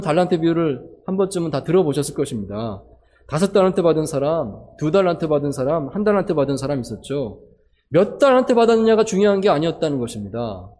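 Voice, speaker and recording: Male pastor, sermon, high lively voice, rhetorical questions, long hall reverb. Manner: preaching with rhetorical questions, acting out quoted voices.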